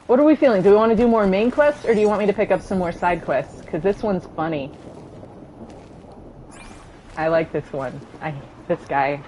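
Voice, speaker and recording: Woman streamer rambling casually at home on a desk mic, thinking out loud, faint background hiss. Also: medium pitch, moderate pace, long pauses, rough recording. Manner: rambling, chatty, thinks aloud. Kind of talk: casual chat while gaming. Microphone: desk microphone.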